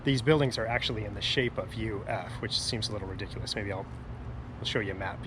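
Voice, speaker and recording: A man working as a campus tour guide, talking informally and off the cuff in a halting, rambling way. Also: on the low side. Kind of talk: casual unscripted walking tour commentary. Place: outdoors on a campus. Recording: noisy outdoor audio with traffic ambience.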